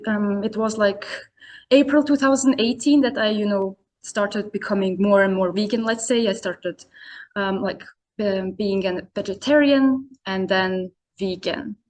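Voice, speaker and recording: A woman's voice: medium pitch, darkish tone. A young adult woman from Serbia, an English speaker, talking in a casual interview as a podcast guest, full of hesitant fillers like "you know" and "um". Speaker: podcast guest, founder of an online business community.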